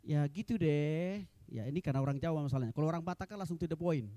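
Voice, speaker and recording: A man preaching a sermon in church as pastor, animated and mixing in joking asides. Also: a little high, racing, no room sound.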